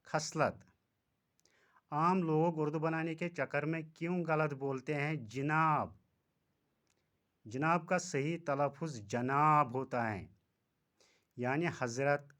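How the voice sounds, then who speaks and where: Slow, careful male Urdu pronunciation teacher. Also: on the high side, fairly bright tone. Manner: measured, stresses each correct word carefully. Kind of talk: slow, deliberate pronunciation lesson.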